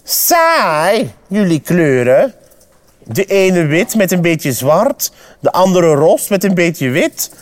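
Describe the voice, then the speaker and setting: A vain little salamander sniffs and shows off in a thin, high voice, as a Flemish man puts him on. He sounds proud and disdainful, a small storybook creature. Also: big pitch swings, slow, exaggerated voice.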